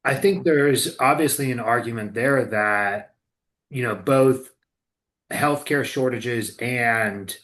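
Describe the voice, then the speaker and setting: A man's voice: mid-range voice, a bit bright. A man hosting a casual podcast conversation, blunt and swearing freely about the system. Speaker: co-owner and clinical director, host.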